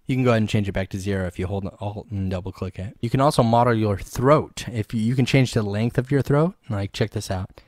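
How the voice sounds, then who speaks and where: A man hosting a casual software tutorial, talking in an offhand, joking way into a studio mic. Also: lowish voice, fast talker, no echo. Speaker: host. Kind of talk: screen-recorded software tutorial.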